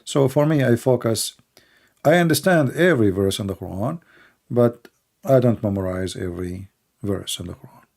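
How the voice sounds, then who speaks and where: Hosting a livestream debate, this middle-aged native Arabic speaker talks at a normal pace in a medium-pitched, creaky, slightly mellow voice with lively intonation and an Arabic accent. His answers come out blunt and casual, riddled with fillers and false starts.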